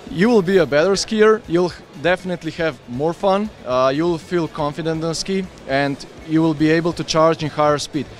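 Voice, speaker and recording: Eager man pitching skis at a trade fair. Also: moderate pace, few pauses, faint music behind. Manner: enthusiastic, explains with hand gestures. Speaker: ski brand representative. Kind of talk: trade fair product interview. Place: busy indoor trade fair hall. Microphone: handheld interviewer mic with windscreen.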